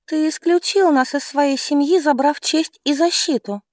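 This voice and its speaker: A man's voice: very high-pitched, moderate pace, no room sound, clean studio sound, voice pushed up. A man voicing a grieving, proud middle-aged mother who speaks bitterly and pleads.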